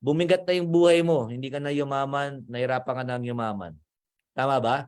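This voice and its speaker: A man giving a motivational talk to a group as a financial mentor, animated and acting out little scenes in higher voices. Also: fairly quick, clean tone. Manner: animated, acts out gossiping voices at higher pitch.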